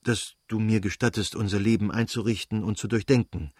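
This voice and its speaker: A man's voice: lowish voice, steady tone, brisk, darkish tone, husky, dry recording, studio quality. A man voicing a guilty young officer who speaks urgently and earnestly, read in the reader's own voice.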